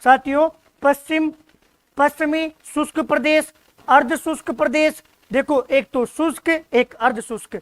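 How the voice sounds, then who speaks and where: Young man, high voice, exam-prep teacher, direct and exhorting, repeats himself. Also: fairly bright tone. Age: young adult. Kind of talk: informal classroom lecture.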